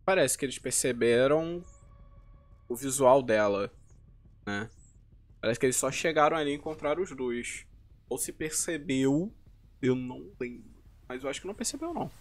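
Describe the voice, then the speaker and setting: A man's voice: mid-range voice, animated, normal speed, pauses often. A man with a Brazilian accent, the host, giving casual, slangy commentary between passages of a story reading and thinking aloud with fillers. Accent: Brazilian Portuguese. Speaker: host reacting to a novel reading.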